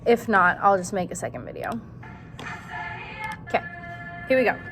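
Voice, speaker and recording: A woman's voice: medium pitch, very animated, moderate pace, music in the background. A woman teaching a song to her students, chatting casually and correcting herself as she goes. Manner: chatty, self-correcting, demonstrates by singing syllables. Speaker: music teacher. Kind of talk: casual singing lesson for students.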